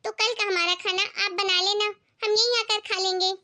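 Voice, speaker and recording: A woman voicing a jealous grown daughter in an animated family skit, talking in a sharp, complaining way. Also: very high-pitched, normal speed, heavily acted.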